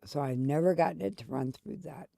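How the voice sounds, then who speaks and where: A woman with a gravelly, mellow voice talks casually over her gameplay. She rambles from one story to the next, restarting sentences as she goes. The sound is dry and close. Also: deep voice, fairly quick, dry recording. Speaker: gaming channel host. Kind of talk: casual chat while playing a game.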